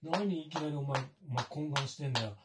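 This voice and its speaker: A man's voice: on the high side, fairly quick, far from the mic, heavy background noise, natural voice. A man playing a sneering, coarse menacing captor. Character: menacing, cruel adult male captor. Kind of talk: adult audio drama acting.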